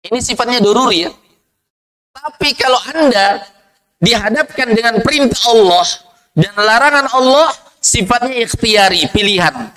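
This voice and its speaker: A man preaching a sermon, lively, asking the audience questions and answering them himself. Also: normal speed, low-quality recording. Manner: lively, swings from low asides to high rhetorical questions.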